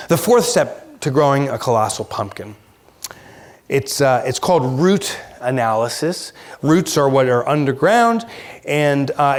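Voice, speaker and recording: A man giving a keynote talk, telling a story in an animated, self-mocking way and acting it out. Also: mid-range voice. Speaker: keynote speaker. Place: large conference hall.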